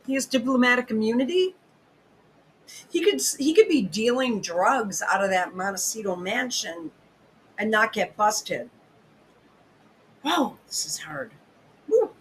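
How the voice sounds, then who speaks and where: A woman hosting a podcast, ranting in casual commentary, profane and excitable, often interrupting herself. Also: fairly high pitch, a little slow, pauses often, a little hiss or hum, rough recording. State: hiccuping. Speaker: podcast host.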